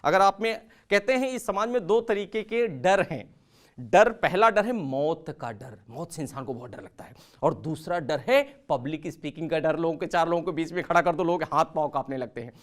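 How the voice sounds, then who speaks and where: A man working as a communication trainer, giving a motivational talk that includes a story. He tells it dramatically, with sudden jumps in loudness and pitch, and speaks to viewers as friends. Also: lively intonation, normal speed. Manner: addresses viewers as friends, mixes English words into Hindi.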